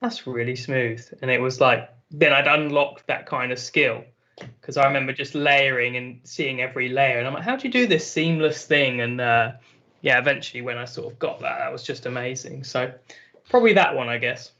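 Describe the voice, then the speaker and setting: A man's voice: mid-range voice, steady tone, a little fast, pushed and bright, muffled recording. A man reflecting casually on a podcast, often saying like. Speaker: podcast co-host. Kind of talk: casual chat.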